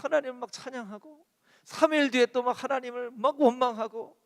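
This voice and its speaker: A male pastor preaching a sermon, animated and repeating key lines softly. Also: extremely high pitch, brisk, vocal fry, big-room sound. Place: church sanctuary.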